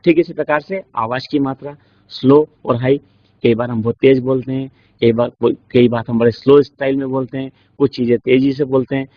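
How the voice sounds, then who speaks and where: A man with an Indian accent giving a classroom lecture, explaining slowly with many examples and rhetorical questions. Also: medium pitch, steady tone. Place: classroom studio. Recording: dull lo-fi recording.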